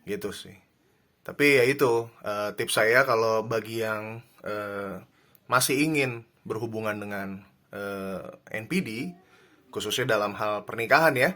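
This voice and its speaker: Bright-voiced man giving calm advice. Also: lowish voice, measured pace, long pauses. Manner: calm, reflective, many fillers and restarts. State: married. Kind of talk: casual advice talk.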